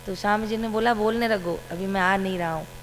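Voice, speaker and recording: Woman satsang speaker, anecdotal storytelling, mid pitch, echoing hall with faint hum. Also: fairly even intonation, brisk. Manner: storytelling, quoting her guru's words. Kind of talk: devotional talk with anecdotes.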